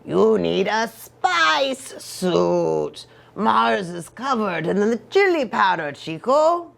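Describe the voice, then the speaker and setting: A woman's voice: mid-range voice, very animated, slow, vocal fry, full character voice. A woman voicing cool, teasing little male Chihuahua dogs from a storybook, slangy and drawling.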